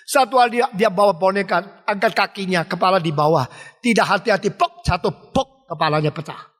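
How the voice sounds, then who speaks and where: A man pastor preaching from a pulpit in a large church, emphatic and dramatic, slowing for repeated refrains. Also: high voice, fairly bright tone. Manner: emphatic preaching with dramatic swings and slowed repetitions. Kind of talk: sermon. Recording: long reverb of a large hall.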